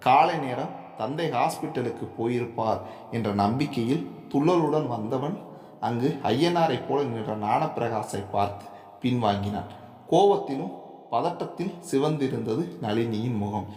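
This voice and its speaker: A man narrating a serialized family story in a steady, measured reading voice. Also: mid-range voice. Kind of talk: scripted narration. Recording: echoey room with long reverb.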